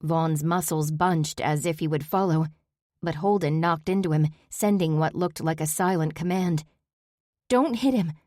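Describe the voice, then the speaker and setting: A woman with a low, darkish voice narrates an audiobook in the first person at a normal pace and with fairly even intonation. The recording is dry with clean studio sound.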